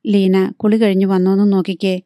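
Gruff alarmed father, read by a woman, mellow low tone, storybook. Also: level tone, fairly quick, no echo, studio quality, natural voice. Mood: scolding. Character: angry frightened middle-aged father.

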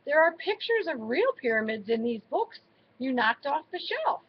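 A woman reads as a timid little boy mouse from a storybook, careful and hesitant in every line. His voice sits high and swoops up and down a lot. The recording is a bit muffled, with a faint hiss underneath. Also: big pitch swings, moderate pace. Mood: explaining. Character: shy, cautious young male library mouse.

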